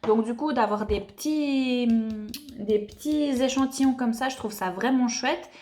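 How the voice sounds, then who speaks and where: A woman's voice: a little high, measured pace, a little mellow, a little hiss or hum. A young woman reviewing beauty products in a chatty, enthusiastic way with lots of fillers. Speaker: beauty vlogger.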